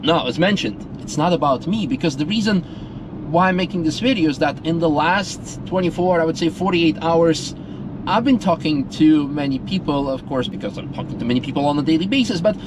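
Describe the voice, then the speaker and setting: A man's voice: fairly high pitch, brisk, background noise. A man from Russia speaking earnestly in a casual, rambling monologue full of fillers and restarts. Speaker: vlogger.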